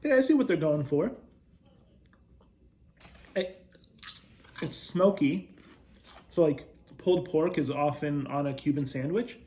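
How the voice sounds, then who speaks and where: A man reviewing snacks as a video host, talking casually and chattily with pauses to taste and thoughtful hums. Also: on the high side, expressive, warm tone.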